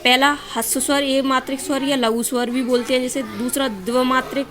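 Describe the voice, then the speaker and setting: A woman's voice: high-pitched, steady tone, brisk. A woman teaching an exam-prep grammar lesson, asking quiz questions and answering them herself, stretching vowels to show their length. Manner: asks and answers her own quiz questions.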